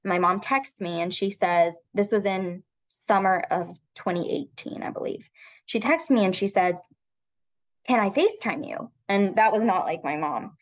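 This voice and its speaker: A woman in her thirties, a guest on an interview podcast, tells a long personal story in her own words. She speaks reflectively, often restarting her sentences and filling pauses with "um." Her voice sits at an ordinary pitch for a woman. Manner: reflective, with frequent restarts and filler "um"s.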